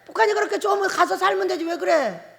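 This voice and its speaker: A woman pastor from Korea's Jeolla Province delivers a sermon in a very high voice. She preaches emphatically, pressing rhetorical questions on her listeners. The sound carries a long reverb from a large chapel. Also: quick pace, a bit bright. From Jeolla Province, South Korea. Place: prayer retreat chapel.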